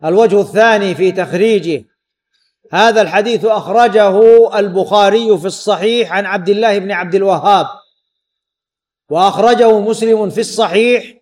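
A man giving an Islamic lesson explaining a hadith, repeating key words and pausing to quiz his students. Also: high voice. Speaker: hadith teacher.

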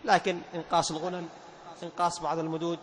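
High-voiced man teaching a class. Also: flat delivery, racing, a little hiss or hum. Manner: quizzes the class, repeats key points. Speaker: Quran recitation teacher. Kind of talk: classroom lesson with questions to students.

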